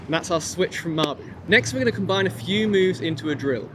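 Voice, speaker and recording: A man's voice: high voice, lively intonation, a little fast. A man instructing a kung fu class, encouraging and informal, giving step-by-step commands and counts. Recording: noisy outdoor recording with traffic ambience.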